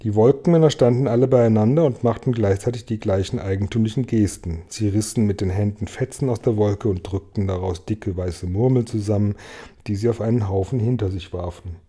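A man reading a children's storybook aloud in a calm, measured way. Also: fairly low pitch, breathy edge. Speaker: audiobook reader. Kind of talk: storybook narration read aloud.

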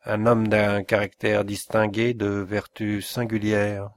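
A man's voice: on the low side, flat delivery, slow. A man reading the part of an indignant middle-aged forest inspector and father, speaking with menace in an audiobook. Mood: probing.

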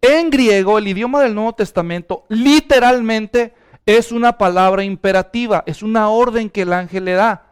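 A man preaching an animated sermon and calling on the congregation to answer aloud. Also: high-pitched, moderate pace, smooth. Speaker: pastor.

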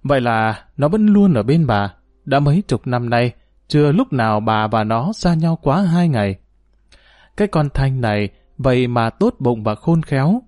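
A man reading a serialized story aloud in a calm, measured, formal storytelling manner as the program's host. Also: mid-range voice, no room sound, studio quality. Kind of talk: scripted story narration.

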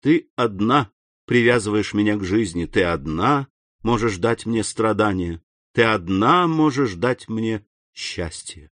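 A man reading aloud and voicing a grave, restrained nobleman who speaks low and solemnly. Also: animated, measured pace, a bit bright, no echo. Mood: tender, grave.

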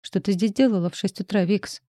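A woman's voice: medium pitch, a little fast, dark tone, no room sound, clean studio sound, lightly acted. Darcy, a woman reading as a fragile grieving girl. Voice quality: fragile, childlike voice.

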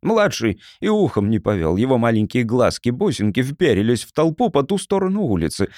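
A man reading an audiobook in the first person, telling it in a folksy, expressive way. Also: mid-range voice, fairly quick, dry recording, studio quality. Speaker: audiobook narrator.

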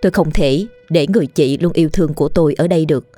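A woman reading a horror story aloud in a steady, measured and grim narration. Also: low-pitched, dry recording, faint music behind.

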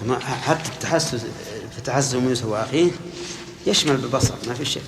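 A man, teaching a religious lesson in a measured, explanatory way and quizzing his students. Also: medium pitch. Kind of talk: lecture explaining hadith to students. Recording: echoey lecture hall, faint hum.

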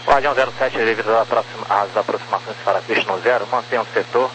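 A man's voice: fairly low pitch, steady tone, quick pace, fairly bright tone, low-quality recording. A man with a Brazilian accent giving clipped, procedural air traffic instructions over two-way radio, reading out numbers digit by digit. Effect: two-way radio transmission.

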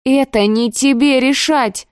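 A woman voicing a distraught young woman who pleads and shouts in a high, tearful voice in an audiobook. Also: slow, smooth, no room sound, studio quality. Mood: angry shouting. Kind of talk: audiobook dialogue.

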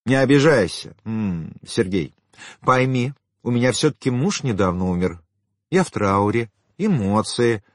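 A man voicing a haughty, sharp-tongued widowed woman in an audiobook, scornful and teasing, then falsely sweet. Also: medium pitch, big pitch swings, slow, slightly rough, dry recording, clean studio sound, pitched above the performer's own voice, exaggerated voice. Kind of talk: audiobook character voice.

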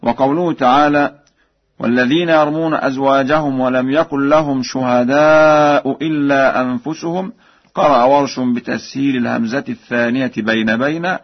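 A man of middle pitch teaches recitation. He moves between measured spoken explanation and slow, melodic chanted examples. The sound is dull and lo-fi, like an old radio broadcast. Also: fairly even intonation, creaky.

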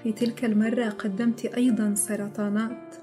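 A woman reading the lines of an elderly male general in an audiobook, speaking in a quiet, measured, low tone. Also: little pitch movement, music in the background, lightly acted. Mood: quiet, reminiscing. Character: elderly male general, calm, brooding, exacting.

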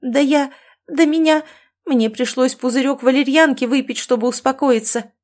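A woman voicing a shrill, bossy mother. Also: expressive, normal speed, natural voice. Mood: scolding. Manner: shrill scolding, shouting. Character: loud bossy middle-aged mother, excitable. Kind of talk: audiobook character voice.

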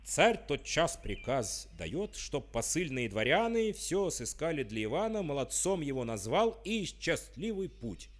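A man's voice: on the high side, very animated, measured pace, few pauses. A man narrating a fairy tale in rhythmic verse, reading expressively.

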